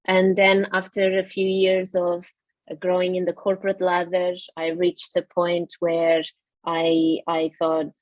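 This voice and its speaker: A Portuguese woman who owns a yoga studio tells her story in an interview, earnest and reflective, with lots of fillers. Her voice is fairly low and monotone at a measured pace, and the recording is dry and low quality.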